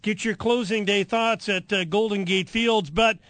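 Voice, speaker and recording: A man's voice: sits high, fairly even intonation, normal speed, a bit bright, dry recording. A man hosting a sports radio show from a studio at a ballpark, rambling with frequent fillers as he loses his voice. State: losing his voice. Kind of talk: casual radio talk.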